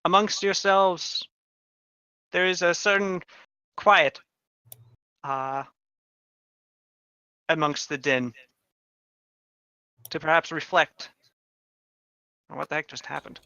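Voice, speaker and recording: A man runs a tabletop role-playing game, improvising narration with trailing pauses. His voice is high and creaky, recorded dry and slightly dull. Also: flat delivery, pushed and bright, no room sound. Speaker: game master.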